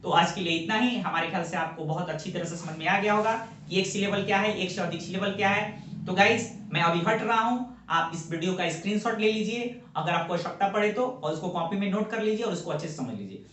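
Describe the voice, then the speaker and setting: A man's voice: high-pitched, quick pace, fairly bright tone, distant mic, a little hiss or hum. A male teacher explaining a grammar lesson at a board, going step by step and often checking that students follow. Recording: very echoey room, voice from off-mic.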